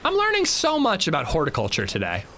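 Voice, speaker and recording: Chatty man streaming a game, lively voice. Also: a little high, fast, slight background noise. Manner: chatty, self-mocking, reads chat aloud. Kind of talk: casual gaming livestream chat.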